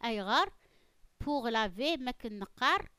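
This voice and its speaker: A woman's voice: a little high, expressive, normal speed, sharp tone, smooth, dry recording. A woman giving an emphatic, argumentative monologue with conviction. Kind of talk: opinionated monologue on religion and custom.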